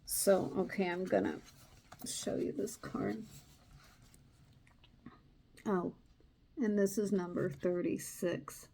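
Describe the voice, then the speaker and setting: A woman giving a casual tarot reading on her channel. She speaks slowly and hesitantly in a soft, mellow voice with a darkish tone. She fills her pauses with ums and uhs while reading aloud from a card book. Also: mid-range voice, steady tone, vocal fry. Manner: hesitant, many fillers. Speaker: tarot reader.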